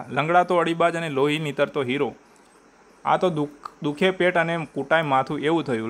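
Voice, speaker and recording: Man reading a story aloud, fairly high voice. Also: fairly bright tone. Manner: measured reading with occasional restarts. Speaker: narrator reading a short story.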